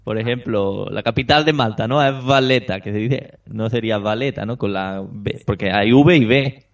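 A man's voice: lowish voice, moderate pace, creaky. A man from Spain with a Spanish accent, a guest on a casual podcast, easygoing and prone to repeating himself. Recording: dull distant remote audio.

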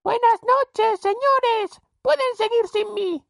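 A man voicing a tiny, cheeky boy in a storybook reading, with a high squeaky childlike voice. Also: sing-song, moderate pace, no echo, studio quality. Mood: mocking. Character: tiny brave boy Tom Thumb, cheeky.

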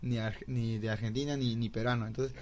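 Hombre que duda, lleno de "este" y "claro". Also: male voice, medium pitch, fairly even intonation, fairly quick, a crowd in the background. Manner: agreeable, hesitant, many "este" and "claro" fillers. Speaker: podcast co-host. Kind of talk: casual debate chat.

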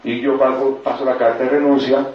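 A man gives an animated motivational talk, speaking straight to the audience. His voice sits at a middle pitch. The recording is distant and dull, in a hall with heavy echo. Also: brisk, a little hiss or hum. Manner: storytelling, animated, addresses audience.

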